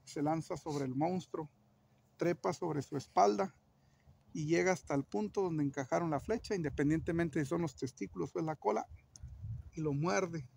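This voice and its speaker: Gravelly man telling a legend. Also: a little high, moderate pace, darkish tone. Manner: playful, dramatic, joking asides. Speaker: storyteller. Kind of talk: telling a local legend aloud.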